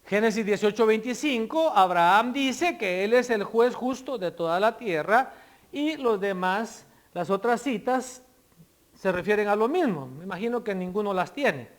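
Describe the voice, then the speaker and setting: A man pastor preaching a sermon, explaining his word choices and swinging between loud emphatic phrases and soft asides. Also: high-pitched, lively intonation, normal speed.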